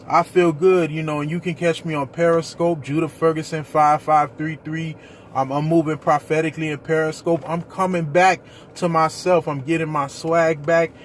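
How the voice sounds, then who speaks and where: A man speaks to camera in an earnest, preacherly way, sharing his own story with his viewers. His voice sits a little higher than most men's. A faint rumble of vehicles hums behind him. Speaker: ministry leader. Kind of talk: personal testimony vlog.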